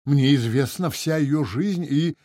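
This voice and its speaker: A man's voice: a little high, slow pace, dark tone, no room sound, studio quality. A man reading the part of a timid, poor young technician who mumbles and stammers. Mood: flustered, sighing. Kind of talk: audiobook character reading.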